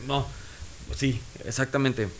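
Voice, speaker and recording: A man's voice: medium pitch, fairly even intonation, takes it slowly, slight background noise. A Mexican man with a Mexican accent co-hosting a casual chat, joking and bantering. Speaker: podcast co-host.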